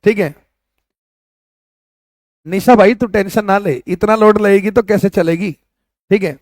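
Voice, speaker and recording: A loud, emphatic young male teacher running an exam-prep class, his voice pitched very high. The sound is dry and close, with no room around it. He drills phrases and questions his students. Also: measured pace, no echo. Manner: loud, emphatic, addresses students as beta and bhaiya.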